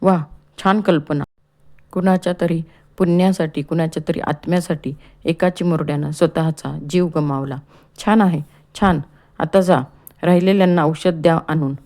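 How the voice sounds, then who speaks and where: A woman puts on a stern male doctor from a storybook who scolds with biting sarcasm. The voice stays low and mellow. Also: steady tone, moderate pace. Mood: sarcastic.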